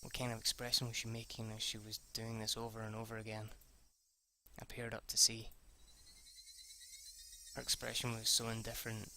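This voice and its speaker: Reading a visual novel aloud like an amateur let's player, this man has a voice on the low side that stays monotone at a normal speed, with long pauses and a sharp tone. A little hiss or hum sits under the audio. He trips over words and goes back to reread lines, tossing out casual profanity in his spontaneous reactions.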